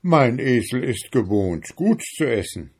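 A man's voice: medium pitch, sing-song, a little slow, a little mellow, slightly rough. A man playing a mocking hard-bargaining stranger. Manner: mocking, haggling, raised voice.

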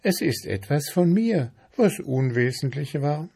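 A man voicing a carefree female mayfly in a storybook reading, speaking softly and wistfully. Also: on the high side, animated, vocal fry, breathy edge, voice pushed up, heavily acted. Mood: dreamy. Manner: soft, wistful, unhurried.

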